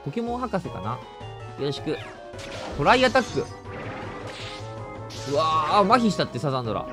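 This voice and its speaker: A man with a Kansai accent giving joking, lively let's play commentary as a game streamer. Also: fairly high pitch, normal speed, music in the background. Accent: Kansai Japanese. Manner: joking, exaggerated indignation, lively reactions.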